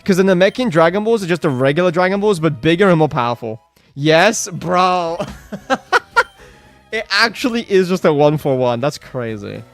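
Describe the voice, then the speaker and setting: Guy streaming a game, kinda high voice, rambles a lot, reads chat out loud. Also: animated, moderate pace, faint music behind. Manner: rambling, filler-heavy, reads chat aloud and reacts. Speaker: gaming live streamer. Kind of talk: casual live-stream chat while playing.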